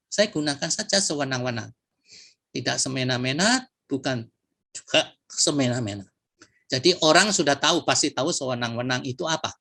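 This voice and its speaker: A man with a gravelly, creaky edge to his voice talks through word meanings at a sharing session. His delivery is measured and reflective, and he often stops to ask rhetorical questions. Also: a little high, bright, forceful tone. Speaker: speaker at a poetry competition sharing session. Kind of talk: explanatory talk on word usage.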